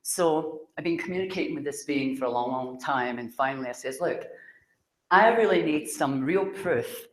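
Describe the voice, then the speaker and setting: Scottish woman, Glasgow accent, loud chatty public speaker, roomy hall sound. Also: deep voice, lively intonation, normal speed. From Scotland. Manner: loud, chatty, laughs often. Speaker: psychic speaker. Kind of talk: public talk to an audience.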